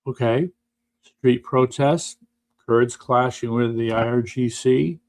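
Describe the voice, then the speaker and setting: A man hosting a casual news and chat stream, talking in an unhurried way with dry asides. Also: medium pitch, fairly even intonation, a little mellow. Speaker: podcast host.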